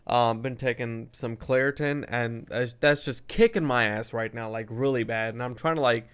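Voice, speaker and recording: A man streaming a video game, with a middle-pitched voice that sounds stuffy from allergies. He chats casually with viewers. He reacts loudly to what happens on screen. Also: normal speed, smooth. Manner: chatty, reacts loudly to gameplay. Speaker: gaming streamer. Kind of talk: casual gameplay commentary.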